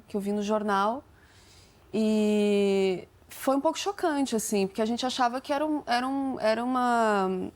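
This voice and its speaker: A woman's voice: a little high, darkish tone. A woman in her forties, a talk show guest, answering in a matter-of-fact way. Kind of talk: casual chat.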